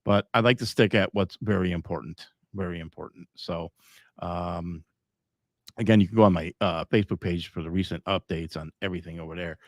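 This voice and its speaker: A man's voice: low voice, fairly quick, dry recording, studio quality. A middle-aged man hosting a live podcast, talking in a rambling, emphatic way with frequent chuckles. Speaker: podcast host.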